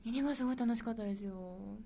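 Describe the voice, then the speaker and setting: Young woman, Kansai accent, higher voice, livestream host: bubbly chat with soft murmured asides. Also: quick pace, creaky, a little hiss or hum. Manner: bubbly, chatty, drops into soft near-whispered asides. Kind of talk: casual livestream chat reading viewer comments.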